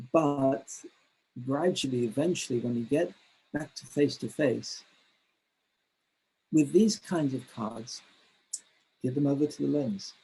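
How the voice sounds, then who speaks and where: A man presenting a teacher-training webinar, speaking in a halting way with many fillers and restarts. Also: mid-range voice, mellow, slightly rough, poor audio. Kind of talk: webinar lecture.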